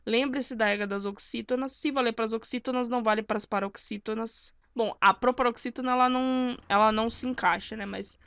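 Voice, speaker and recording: A woman's voice: on the high side, fairly even intonation, a little fast, hardly any pauses, fairly bright tone, smooth, dry recording, studio quality. Didactic woman teaching grammar. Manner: didactic, checks in with "né?" and "certo?". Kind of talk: explaining spelling rules at a board.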